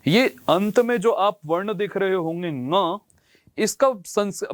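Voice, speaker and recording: A male Sanskrit teacher, giving a school lesson and slowly drilling letter sounds for students to repeat. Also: high-pitched, no echo, studio quality.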